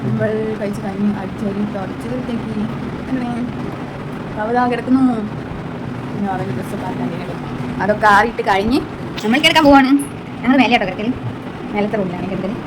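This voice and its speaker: Young mom vlogger, chatty, mid-pitched, clear background noise. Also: female voice, brisk, pauses often. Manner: chatty, addresses viewers directly. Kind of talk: casual vlog talk to viewers. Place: family home indoors.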